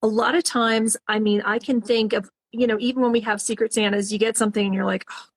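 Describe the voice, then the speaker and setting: A woman's voice: a little high, quick pace. A woman professional organizer, a guest on an interview, talking steadily and practically about decluttering. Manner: practical, advice-giving, steady. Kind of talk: casual interview chat.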